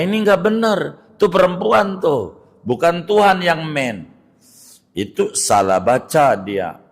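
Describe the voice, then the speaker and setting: A middle-aged man, a cleric giving a religious study lecture, who draws out recited phrases to demonstrate them and corrects mistakes emphatically. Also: medium pitch. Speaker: Islamic cleric teaching jurisprudence.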